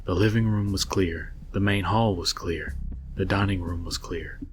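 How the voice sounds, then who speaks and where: A man narrating a scary story in a low, haunting voice, reading in a measured, scripted way. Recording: music behind the voice. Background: music.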